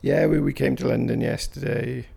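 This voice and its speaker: Husky, creaky and dark, this medium-pitched voice belongs to a Valleys-accented South Walian man in his fifties giving a recorded interview. He speaks at normal speed in a steady tone, yet his answers wander hesitantly, full of fillers and restarts.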